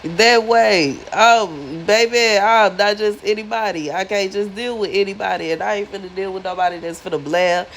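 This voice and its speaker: A woman in her thirties who works as a spiritual influencer talks to her viewers in a mid-range voice at a moderate pace, barely pausing. She's chatty, slangy and emphatic, repeating herself often for effect, on a rough recording with a little hiss or hum.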